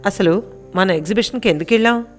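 A woman voicing a hurt young wife in a Telugu audio story, speaking softly and hesitantly. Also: mid-range voice, quick pace, soft background music, natural voice. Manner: soft, hesitant.

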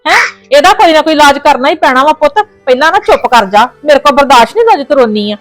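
This is family drama acting: over the phone, a fiercely protective, worried mother with a Punjabi accent calms her daughter, then lashes out indignantly at the in-laws. The woman's voice sits high and a bit bright, with lively intonation and a fast pace, recorded dry with faint music behind.

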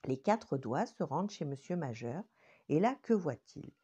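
Older grandmother storyteller, lively pitch, warm and low-ish, slightly dull lo-fi recording; bedtime story reading. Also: normal speed, husky. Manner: gentle, expressive storytelling.

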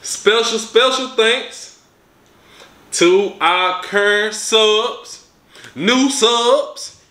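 A man's voice: high voice, extremely slow, sharp tone, reverberant. A young man hosting a casual vlog from a living room sofa, laid-back but hyping up his viewers. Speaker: vlog host.

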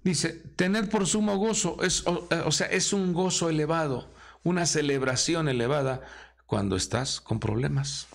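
A man preaching a sermon dramatically, his pitch rising high and dropping low as he acts out quoted voices. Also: normal speed, creaky. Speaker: apostle preaching.

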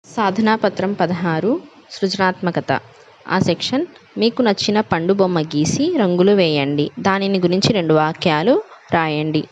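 A woman teacher reading out workbook answers, dictating words slowly and carefully to young pupils. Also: lowish voice. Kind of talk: reading out and explaining a school workbook. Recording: dull lo-fi recording with clear background noise.

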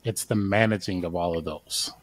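A man in his thirties joins a podcast as a guest over a video call, laying out his views at length in a casual, thoughtful way. Speaking from an indoor home studio into a large studio mic, he has a low voice, moderate pace and no echo.

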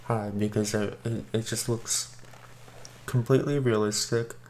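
Guy talking thru a silicone face mask, slow and kinda monotone, lots of ums. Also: on the low side, slight background noise. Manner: hesitant, many ums and restarts. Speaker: mask reviewer. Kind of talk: casual product review.

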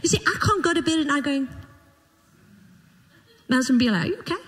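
Woman preacher, expressive, animated sermon, hall echo. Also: high-pitched, fairly quick.

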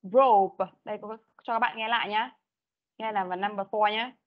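A woman teaches an English class over a video call, her voice sitting at a middle pitch. She is patient and repeats each prompt and word so the students catch it. The call audio is dull and lo-fi. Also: steady tone, fairly quick.

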